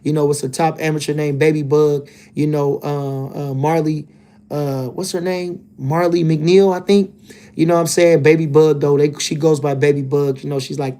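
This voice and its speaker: Casting note: male streamer, slightly higher voice, loose rambling fight talk. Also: a little mellow. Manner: laid-back, loose and rambling, lots of "you know what I'm saying". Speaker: livestream host, boxing commentator. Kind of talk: casual livestream chat reading comments.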